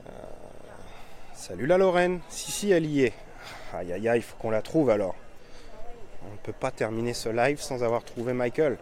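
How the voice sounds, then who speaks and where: A man's voice: mid-range voice, expressive, normal speed, long pauses, a little mellow. Chatty self-mocking man vlogging outdoors. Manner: chatty, self-mocking, many fillers and restarts. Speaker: vlogger showing a town on a live stream. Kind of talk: casual live vlog. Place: outdoors on a town street. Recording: faint street noise outdoors.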